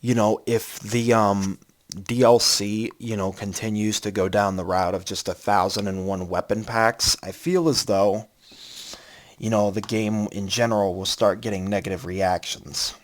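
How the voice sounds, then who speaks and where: Man, lowish voice, rambling game review, lots of ums, computer mic. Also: fairly even intonation, unhurried. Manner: rambling, many ums and restarts; yawning, sleepy.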